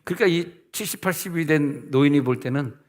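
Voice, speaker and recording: A man's voice: a little high, a little fast. A middle-aged man, a senior pastor, preaching a sermon in a conversational way, asking his listeners rhetorical questions and acting out the people he quotes.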